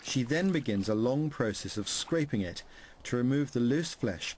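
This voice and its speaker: A man narrating a documentary in a calm, measured, scripted way. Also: medium pitch, noisy background. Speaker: presenter narrating.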